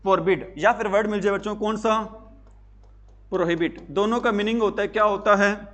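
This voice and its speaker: High-voiced man teaching a class. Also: fairly even intonation, moderate pace, fairly bright tone. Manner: asks questions and answers them himself, repeats key words. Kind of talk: classroom lecture.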